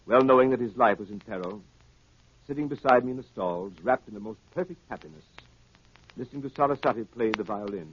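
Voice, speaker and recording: A man playing a loyal gentleman doctor, husky, measured and earnest, in a 1930s radio drama. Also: on the low side, close to an everyday voice. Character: loyal gentleman doctor narrating his detective friend's adventures. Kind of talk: 1930s radio acting, scripted narration. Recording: dull vintage 1930s radio recording.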